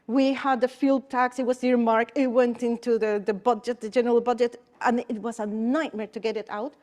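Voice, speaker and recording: Woman from Costa Rica, conference panelist, slightly higher voice, earnest and emphatic with repeated phrases. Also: little pitch movement, moderate pace, darkish tone. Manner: earnest, emphatic storytelling with repetitions.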